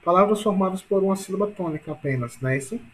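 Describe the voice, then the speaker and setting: A man's voice: sits high, a bit bright, a little hiss or hum. A man teaching a grammar lesson online from his computer, explaining patiently, repeating himself, and checking in with tag questions. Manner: repetitive, filler-heavy explaining with frequent tag questions; stretches key words slowly for emphasis.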